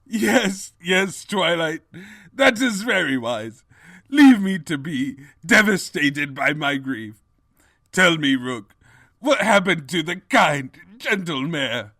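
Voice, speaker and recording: A man's voice: a little high, big pitch swings, slow, pushed and bright, no room sound, clean studio sound, voice pushed up, heavily acted. A man voicing a pompous, scheming and cowardly evil pony king with theatrical, grandiose delivery in a story. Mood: solemn, grandiose.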